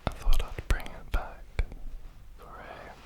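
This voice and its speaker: An ASMR host rambling in a whisper, ear to ear, right up close to stereo microphones, with long drawn-out pauses.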